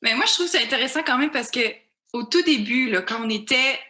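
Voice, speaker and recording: Quebec lady hosting live, bright high voice, roomy echo, chatty. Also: animated, a little fast. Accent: Quebec French. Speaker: host. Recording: echoey room.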